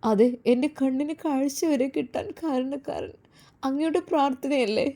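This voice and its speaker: A devoted young wife, voiced by a woman narrator soothes her husband in a soft, hushed voice. Her tone sits high and mellow. She sounds loving and reassuring in a storybook tale. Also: normal speed.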